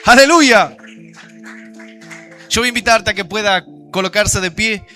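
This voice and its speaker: A man's voice: high-pitched, steady tone, brisk, soft background music. A male pastor, preaching a fervent sermon full of scripture quotes. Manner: fervent preaching, quoting scripture, rising to shouts.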